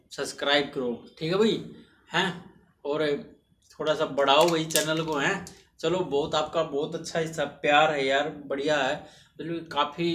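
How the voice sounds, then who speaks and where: A man explains grammar in a loose, repetitive way and keeps checking in with his listeners. His voice sits a little higher than most men's. The recording has a roomy echo and a faint hiss behind it. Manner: repetitive, encouraging, frequent tag questions. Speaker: English grammar teacher. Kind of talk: casual classroom explanation. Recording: echoey room with faint hiss.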